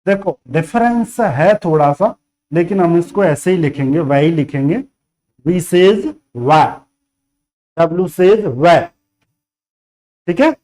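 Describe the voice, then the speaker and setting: A man's voice: a little high, lively intonation, slow, long pauses, dark tone. A man teaching beginner phonics, repeating each letter sound again and again and checking in often. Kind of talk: beginner phonics lesson in Hindi.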